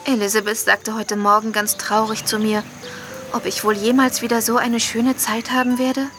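An actress playing a warm-hearted young woman teacher in a radio play, speaking in a heartfelt, gentle way. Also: on the high side, flat delivery, normal speed, music in the background, close to an everyday voice. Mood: tender, sad.

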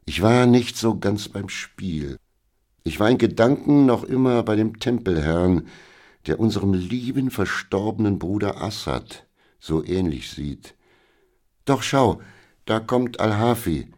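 A man's voice: fairly low pitch, lively intonation, a little slow, a little mellow, pitched above the performer's own voice. A man voicing a pensive middle-aged sultan who muses aloud and gives orders, in a storybook reading. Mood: musing.

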